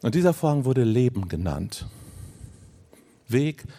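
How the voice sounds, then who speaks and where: A man preaching a sermon, dropping to low hushed phrases and rising to emphatic ones, speaking to listeners directly as friends. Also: sing-song, measured pace, slightly rough.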